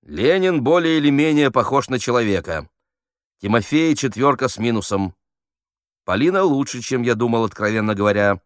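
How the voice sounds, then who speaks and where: A man's voice: mid-range voice, expressive, normal speed, no echo, clean studio sound, voice pushed up, lightly acted. A man reading aloud, voicing a pompous army officer who barks orders while directing amateur actors. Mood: commanding. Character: bossy fussy male army officer directing a play.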